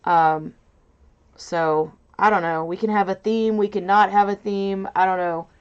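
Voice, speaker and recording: A woman hosting a casual crafting livestream in a loud, nasal voice, rambling and hesitant with lots of fillers, from a mic set off to her side. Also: mid-range voice, fairly even intonation, unhurried, smooth, lo-fi sound. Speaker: livestream host. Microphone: mic set off to the side, away from camera.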